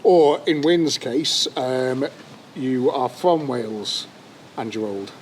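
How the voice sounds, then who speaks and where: A man's voice: medium pitch, takes it slowly, a little hiss or hum, low-quality recording. Rambling man hosting a podcast. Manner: rambling, hesitant with many fillers. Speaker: podcast host. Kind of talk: casual chat. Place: workshop, outdoors in the sun. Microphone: clip-on mic.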